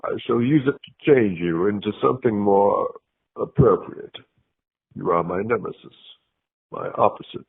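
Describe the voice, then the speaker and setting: A man's voice: mid-range voice, gravelly, breathy edge. A man voicing a grandiose, deluded wrestler who believes he is divine, speaking with pompous theatrical menace. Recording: tinny phone voicemail.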